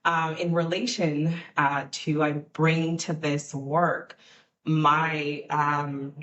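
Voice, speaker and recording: Low-voiced woman from Guyana, reflective. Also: flat delivery, drawn-out words, a bit bright, far from the mic, highs cut off. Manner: earnest and reflective, many fillers. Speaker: guest, nonprofit CEO. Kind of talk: podcast panel introduction.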